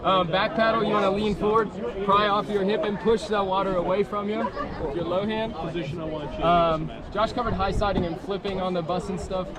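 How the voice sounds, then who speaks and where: Male rafting guide, high-pitched, casual instructional delivery, recorded outdoors amid heavy group and river noise. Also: steady tone, normal speed, a loud crowd. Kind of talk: safety briefing and paddle instructions.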